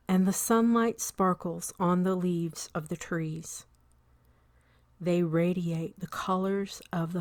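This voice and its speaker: The narrator of this scripted guided meditation is a woman with a soft, lowish voice, recorded dry. She speaks soothingly and deliberately in short phrases broken by long pauses, frequently drifting toward a whisper.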